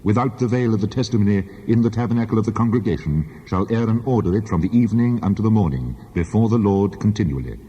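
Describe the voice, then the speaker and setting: An actor playing God as a solemn, commanding deity, proclaiming laws in formal archaic language in a dramatized scripture reading. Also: male voice, fairly low pitch, animated, fast talker, hardly any pauses, warm tone, slightly rough, muffled recording. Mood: solemn, instructing. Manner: solemn, authoritative, declamatory. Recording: long cavernous reverb on the voice.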